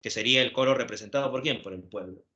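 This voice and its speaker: A male teacher giving an animated classroom lecture, constantly adding tag questions to check his listeners follow. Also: medium pitch, fast talker, highs cut off.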